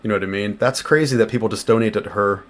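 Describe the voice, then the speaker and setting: A man's voice: lowish voice, fast. A young man hosting a reaction video, talking casually and bluntly, swearing and speeding up when he gets worked up.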